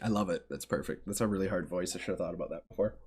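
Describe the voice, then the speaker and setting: A man's voice: low-pitched, racing, a little mellow, slightly rough. A young man running a tabletop game on a live stream, casual with many fillers. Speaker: game master.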